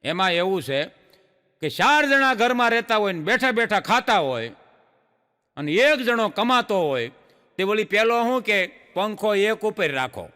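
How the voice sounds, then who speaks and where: Bright-voiced comic on stage. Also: male voice, high-pitched, very animated, clean tone, long reverb tail. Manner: chatty storyteller, drawn-out punchlines. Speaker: stand-up joke teller. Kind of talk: live stage joke telling.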